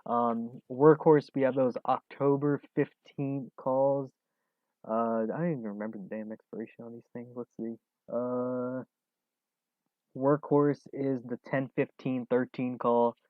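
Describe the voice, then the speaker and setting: Speaking at a measured pace in a mid-range voice, a twenty-something man runs a casual trading livestream and responds to viewers with plenty of fillers and frequent chuckles. The recording is dry and has a tinny, narrow sound.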